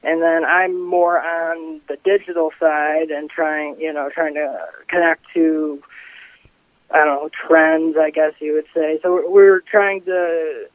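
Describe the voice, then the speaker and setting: A man in his twenties comes through a thin phone line, his voice sitting a little high. He rambles loosely with many fillers, and the sound is dry. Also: level tone, takes it slowly, no room sound. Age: 20s. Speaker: company co-founder. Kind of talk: interview.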